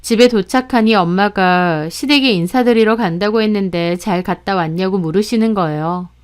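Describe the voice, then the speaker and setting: Smooth-voiced young woman telling a story. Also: medium pitch, moderate pace. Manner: calm, conversational storytelling. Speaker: story narrator. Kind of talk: scripted first-person story narration.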